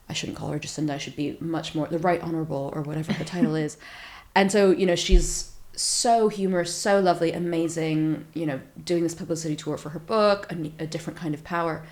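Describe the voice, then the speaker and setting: An American woman in her thirties from Silicon Valley, a startup founder chatting as a guest, telling stories animatedly and acting out her own reactions. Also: on the low side. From Silicon Valley, California, USA. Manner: animated storyteller, acts out her own reactions, many fillers. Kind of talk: casual interview chat.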